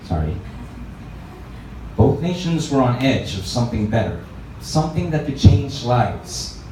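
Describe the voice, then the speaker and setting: Animated and at a moderate pace, a mid-range male book reader narrates a story expressively at a live event. His voice echoes in the reverberant room, picked up by a distant mic with faint background noise.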